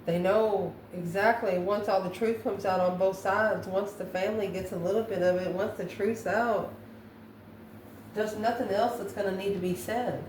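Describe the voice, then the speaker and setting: Speaking at a moderate pace in a mid-range, darkish voice with fairly even intonation, a female tarot reader improvises a reading. She thinks out loud and frequently answers her own questions, captured with roomy echo and a faint hum of background noise.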